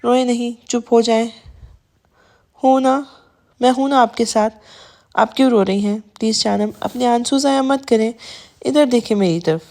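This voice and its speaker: A woman's voice: a little high, pauses often, a little mellow, lightly acted. A woman voicing a devoted young husband who soothes and coaxes his crying wife, repeating pet names. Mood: soothing. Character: devoted young husband, tender and guilt-ridden.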